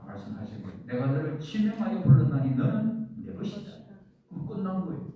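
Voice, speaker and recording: A man's voice: mid-range voice, mellow, slight background noise. A male pastor preaching a sermon in church. He asks the congregation questions, answers them himself, and leads them in repeating lines. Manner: leads the congregation in call-and-response. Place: church sanctuary. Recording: echoey church hall, mic far off.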